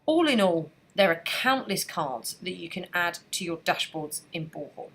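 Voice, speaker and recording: A woman with a fairly low voice narrates a scripted software training screencast at normal speed, in a clear, even instructional way.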